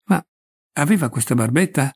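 A man's voice: fairly high pitch, expressive, moderate pace, gravelly, husky, no room sound, exaggerated voice. A man reading the lines of a shy, polite young male painter, hesitant and eager to please.

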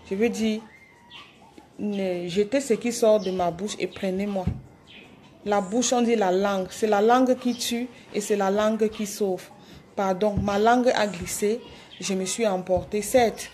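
A woman's voice: medium pitch, darkish tone, a little hiss or hum. A woman on a phone live stream, pleading with her followers, repeating herself with hesitant restarts. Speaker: livestreamer addressing her followers. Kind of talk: live video apology.

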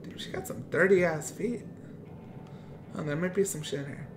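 A young man giving loud, profane, excitable commentary while playing a game. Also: on the high side, normal speed, noisy background. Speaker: gaming youtuber. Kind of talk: let's play commentary.

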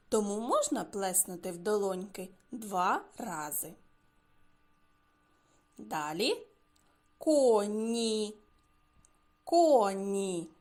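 A woman teaching a speech lesson to preschool children, saying each word slowly and clearly and repeating it. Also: mid-range voice. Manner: slow, clearly articulated words, repeated for children. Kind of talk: slow lesson for small children.

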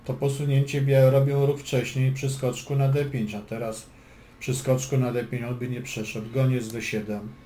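A man's voice: mid-range voice, little pitch movement, normal speed, warm tone. A man giving a chess lesson, calling moves and explaining plans, with dry joking asides. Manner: dry joking asides between move calls. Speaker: chess instructor. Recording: echoey room with faint background noise.

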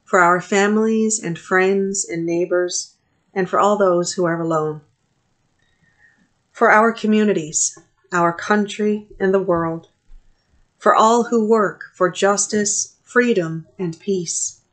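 A middle-aged woman priest leading a morning prayer service from a small office, reading scripture and prayers in a measured, steady way into a webcam. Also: medium pitch. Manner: measured, steady reading with pauses between phrases. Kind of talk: reading a liturgy aloud. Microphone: webcam at desk distance.

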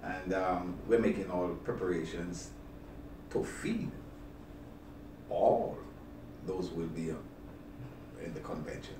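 An older male bishop, seated at a desk in a small office, gives an interview inviting the public to an event, speaking in a deliberate, halting way and repeating words. His low voice swings widely in pitch, and the distant mic picks up an echoey, roomy sound with clear background noise.

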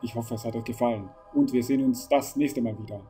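A man commentating a horror game playthrough, excitable, urging the game character on and swearing when it gets tense. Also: mid-range voice, quick pace, faint music behind. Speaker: gaming channel host.

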